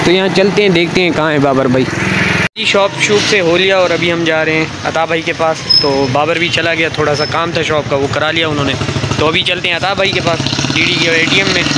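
A young man narrating a casual daily vlog, chatty and excitable, filming on a handheld phone outdoors at night. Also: fairly high pitch. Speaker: vlogger. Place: outdoors on city streets at night. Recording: noisy street background.

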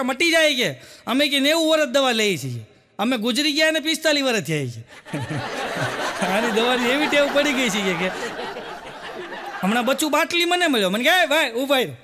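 A man's voice: extremely high pitch, sharp tone. A man telling folk jokes on stage, acting out characters' lines and laughing often as he goes. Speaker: stand-up comedian telling jokes. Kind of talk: Gujarati folk joke storytelling.

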